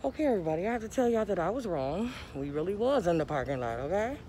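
A woman's voice: on the low side, very animated, quick pace. A woman in her thirties vlogging casually while walking through a flea market, blunt and chatty, talking to her viewers. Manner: chatty, blunt, laughing, talks to viewers as y'all. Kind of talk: casual vlog narration. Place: outdoor parking lot, then big indoor flea market. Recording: loud background noise.

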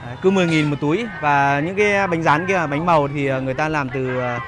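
Talking fast in a voice on the high side, a vlog host offers casual walking-tour commentary at a busy outdoor market and street. He hesitates and hunts for words, with the noisy market audible all around.

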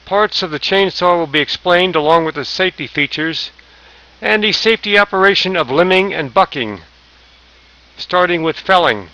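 Guy reading safety slides, kinda high bright voice, stumbles on words now and then. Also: expressive, normal speed, dull audio. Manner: plain, reads lists with small slips and restarts. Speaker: safety instructor.

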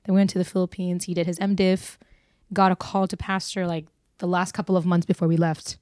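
A Burmese woman in her twenties, a singer and nurse, chats as a podcast guest on a couch in a small indoor studio, holding a handheld microphone. She's relaxed and chatty, laughing easily, with a lowish voice and brisk delivery. The studio-quality audio has no echo.

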